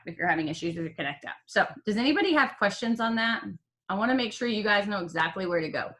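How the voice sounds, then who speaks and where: Bright-voiced, chatty woman with hiccups. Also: medium pitch. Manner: upbeat and chatty, with fillers and jokes. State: has the hiccups. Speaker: team leader. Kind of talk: casual team meeting.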